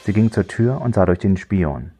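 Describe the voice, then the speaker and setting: A man narrating a crime thriller audiobook in a measured, dry storytelling voice. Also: low voice, animated, dark tone, breathy edge, faint music behind.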